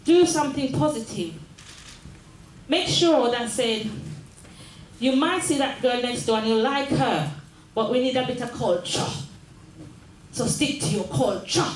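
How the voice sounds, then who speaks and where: Speaking a little slowly with long pauses, the older mayor, born in Jamaica, gives an earnest community address in a large room of the mayor's office. Her voice is on the high side, and a slight hiss or hum plus an echo and faint ambience color the recording, as she repeats phrases and asks "yes?".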